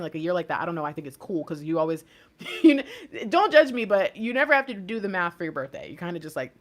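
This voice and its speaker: A tarot reader, an American woman in her thirties with a lowish, slightly bright voice, gives a casual reading. She's chatty and rambling and laughs often.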